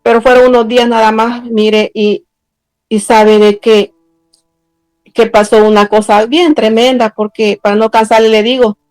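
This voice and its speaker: A woman's voice: little pitch movement, a little mellow, no room sound, faint music behind, poor audio. A middle-aged woman, giving a personal testimony sermon in an earnest way, drawing out words as she stresses a point. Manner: earnest, slows down and rises in pitch when stressing a point. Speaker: preacher.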